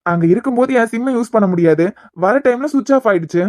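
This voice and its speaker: A woman's voice: on the high side, expressive, quick pace, darkish tone, dry recording, studio quality, lightly acted. A woman voicing a teasing, protective young male groom in a cartoon, with a Kanyakumari Tamil accent.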